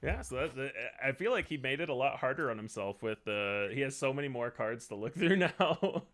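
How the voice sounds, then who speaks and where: A man hosting a casual show, easygoing and quick to laugh. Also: mid-range voice, expressive, a bit bright, slight background noise. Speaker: host. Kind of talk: casual chat.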